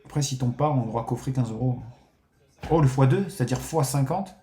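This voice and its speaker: A man's voice: medium pitch, brisk, reverberant. A man streaming a live casino game, commenting on his bets with frequent swearing and talking to viewers as friends. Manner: excitable, swears often, addresses viewers as friends.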